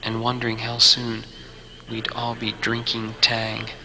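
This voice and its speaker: Flat-voiced man narrating over music. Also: medium pitch, unhurried, crowd noise, rough recording. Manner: calm, even reflective telling. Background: loud music.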